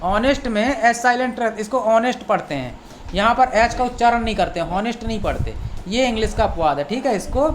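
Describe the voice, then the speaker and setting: A woman teaching an online language lesson, explaining slowly, repeating each point and reading example sentences word by word. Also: on the high side, expressive, a little hiss or hum. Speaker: English teacher.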